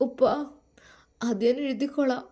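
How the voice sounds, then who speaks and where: A woman voicing a homesick young female law graduate who speaks softly and pleadingly to her father. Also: sits high, steady tone, measured pace. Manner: soft, pleading.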